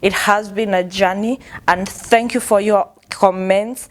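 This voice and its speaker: A woman's voice: medium pitch, steady tone, measured pace. A woman hosting her own show, thanking viewers politely and interviewing a guest. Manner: polite, many thank-yous, frequent mm-hmms. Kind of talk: vlog intro and interview.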